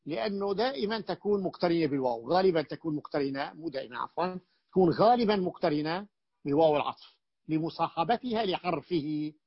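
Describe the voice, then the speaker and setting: A man with a fairly high voice teaches a grammar class, quizzing his students and circling back over each point with stop-start phrasing. The recording is dull and muffled, and the room is dry and close. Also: animated, slightly rough, no room sound. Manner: questions the class and repeats points with halting restarts.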